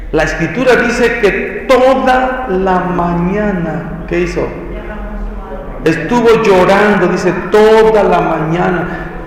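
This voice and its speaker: A man preaching a sermon, exhorting with rhetorical questions and dramatic pauses. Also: high-pitched. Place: church. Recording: echoey church hall, faint noise.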